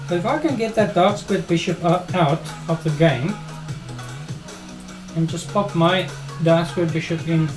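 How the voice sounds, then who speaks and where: Streaming live, a middle-aged chess player with a South African accent, who has ties to South Africa and Australia, talks through his own game in a relaxed, friendly way. He speaks a little slowly with a slightly high voice and frequent pauses, over background music.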